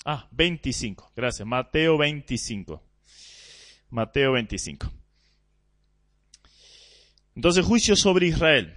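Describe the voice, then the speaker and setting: Man preaching a measured Spanish-language sermon. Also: fairly high pitch, a bit bright, no echo, clean studio sound. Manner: measured teaching with pauses and restarts. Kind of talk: expository sermon.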